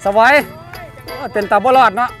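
A man's voice: fairly quick, pushed and bright, soft background music. A man with a Northeastern Thai Isan accent, giving casual, exclamatory running commentary to viewers outdoors, often repeating words. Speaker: fishing vlog host. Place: outdoors at a rural pond.

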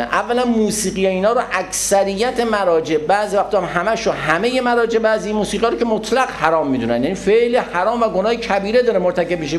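A man giving a religious lecture on prayer, animated, acting out people in little scenes. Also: high voice. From Iran. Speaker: Quran scholar and lecturer.

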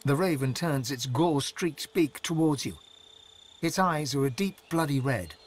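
A vivid game narrator, telling each scene with drama. His voice is somewhat husky and moves a lot in pitch. It sits a little high for a man. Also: moderate pace. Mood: calm. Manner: expressive, dramatic. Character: male storybook narrator, vivid.

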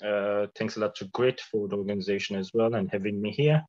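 A man who is unwell, giving an academic presentation over a video call in a careful, measured way with some fillers. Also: fairly low pitch, fairly even intonation, darkish tone. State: sick. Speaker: guest lecturer. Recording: dull lo-fi call audio.

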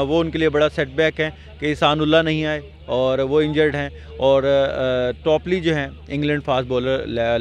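A middle-aged man speaks with many pauses, weighing his words as he gives his views. His voice sits a little high, and he is interviewed with a handheld mic on an open stadium ground. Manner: hesitant, thoughtful. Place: outdoor cricket stadium at night.

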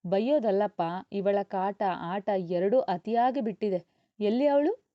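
A woman voicing a sharp-tongued young mother who scolds loudly, in a dull, dry recording. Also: a little slow, no echo, close to an everyday voice. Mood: scolding. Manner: scolding, loud and high.

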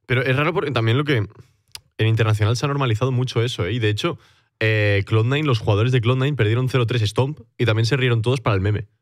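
A man's voice: medium pitch, no echo, clean studio sound. A man from chatting on an esports podcast, searching for words and restarting mid-sentence. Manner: quick, searching, trails off and restarts. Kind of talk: casual esports podcast chat.

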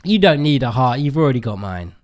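Teasing man with a lively voice. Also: medium pitch, fairly quick. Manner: teasing, joking. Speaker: gaming channel host. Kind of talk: playful gaming banter.

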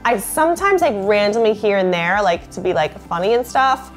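A woman's voice: mid-range voice, sing-song, normal speed, soft background music. A woman in her late twenties chatting casually to camera, bubbly and talkative, filling her sentences with "like". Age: late 20s. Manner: chatty, lots of "like" fillers, bubbly.

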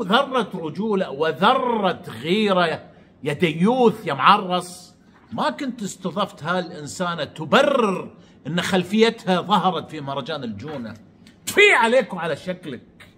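Angry mocking man, high lively voice. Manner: mocking, insulting, sarcastic. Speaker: online commentator. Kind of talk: angry ranting commentary.

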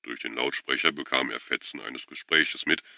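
Man, audiobook narrator, very low voice, gravelly fry, bright crisp tone, steady measured reading, dry close mic. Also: no echo. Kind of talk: scripted narration.

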